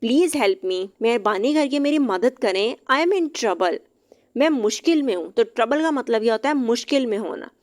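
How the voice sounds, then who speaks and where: Woman teacher going over english words, higher voice, says the examples real slow then explains quick. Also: animated. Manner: spells words out letter by letter. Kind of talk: vocabulary lesson explained in Hindi-Urdu.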